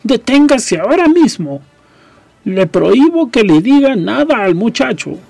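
A man voicing a panicky, blustering middle-aged uncle who barks shrill orders, in a storybook reading. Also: big pitch swings, measured pace, creaky, darkish tone, dry recording, soft background music, full character voice. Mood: panicked. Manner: shrill, commanding.

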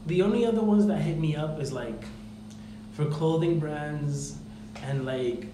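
A man's voice: fairly high pitch, unhurried. A man hosting a casual podcast, talking informally in rambling, filler-filled explanations, with big reverberant echo around his voice. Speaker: podcast host. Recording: echoey reverberant room, clear background noise.

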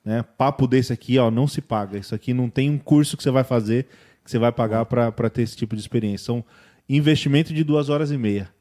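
Mellow-voiced man hosting a casual podcast. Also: medium pitch, fast. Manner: colloquial, appreciative, uses slang. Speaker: podcast host. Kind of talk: casual chat, wrapping up an interview.

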